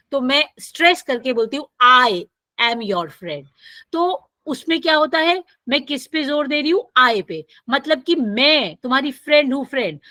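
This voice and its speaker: A woman's voice: high voice, a bit bright, dry recording. A woman lecturer, teaching a grammar class and reading example sentences aloud with careful stress. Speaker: English lecturer.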